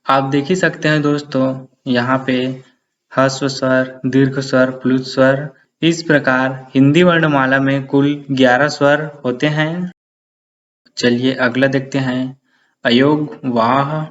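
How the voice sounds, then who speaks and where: Guy teaching grammar slowly, keeps repeating stuff for the viewers, kinda muffled audio. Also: medium pitch, little pitch movement. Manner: slow, repeats definitions, keeps addressing viewers as friends. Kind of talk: Hindi grammar lesson.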